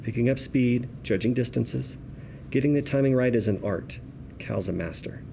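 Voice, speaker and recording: A man reads the stage directions, narrating a screenplay's action at normal speed. His medium-pitched voice is soft, dark and gravelly, with a little background noise.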